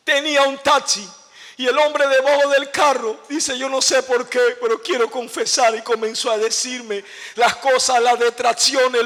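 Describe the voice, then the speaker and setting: Gravelly preacher in a reverberant hall. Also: male voice, very high-pitched. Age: middle-aged. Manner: impassioned preaching, rising to shouted exhortation. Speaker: pastor. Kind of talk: sermon. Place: church hall. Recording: long hall reverb of a church.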